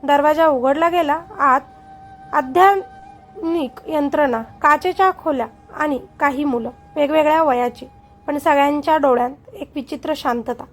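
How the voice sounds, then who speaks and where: High-voiced woman narrating a suspense story. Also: normal speed, soft background music. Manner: suspenseful, dramatic. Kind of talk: dramatic scripted narration.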